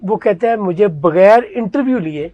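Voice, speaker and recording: A man's voice: high voice, animated, dry recording, muffled recording. A man hosting a casual interview, telling a short story and asking questions. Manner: frequent short acknowledgements. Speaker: host.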